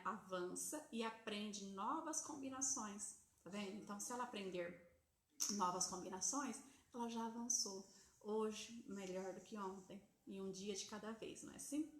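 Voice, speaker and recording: A woman's voice: medium pitch, moderate pace, fairly bright tone. A Brazilian woman teaching on a live stream, explaining to parents step by step and checking in often with little tag questions. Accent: Brazilian Portuguese. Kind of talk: casual teaching talk to parents. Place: home, streaming from a phone. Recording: echoey room.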